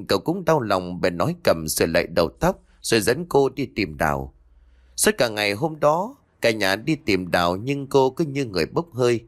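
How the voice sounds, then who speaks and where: A man narrating a scripted ghost story with expressive, varied intonation. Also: lowish voice.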